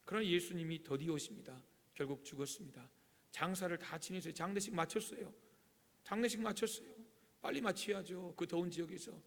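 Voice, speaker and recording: Male pastor, high voice, emphatic sermon delivery with loud peaks and soft asides, long church-hall reverb. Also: fairly quick. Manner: emphatic, swings from loud urgent peaks to quiet low asides, acts out quoted voices. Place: church sanctuary.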